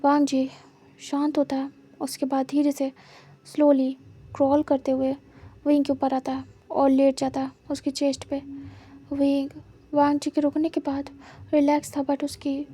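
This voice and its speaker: A woman tells a fan fiction story in a high, mellow voice, moving through the scenes at a steady, even clip. Her pitch stays narrow and level, and she slips English words into her narration. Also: unhurried, pauses often. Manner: plain, steady retelling mixed with English words.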